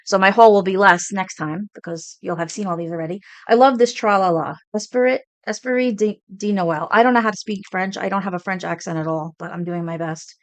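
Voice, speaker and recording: A woman's voice: on the low side, fast, hardly any pauses, no echo. A woman in her forties with a Brooklyn accent, chatting casually and a little rambling as she shows her cross stitch projects on her home video channel. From Brooklyn, New York. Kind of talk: casual show-and-tell chat.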